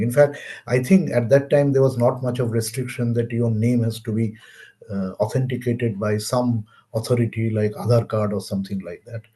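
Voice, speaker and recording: Indian male lecturer, warm low-key tone, slow and deliberate with fillers. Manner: measured, halting with pauses and fillers. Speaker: webinar speaker. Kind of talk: lecture on science history.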